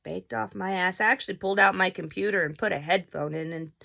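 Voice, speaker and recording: A young adult woman vlogger tells a story in a casual, animated way and swears freely. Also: lowish voice, fast talker, vocal fry. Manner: animated, profane, chatty.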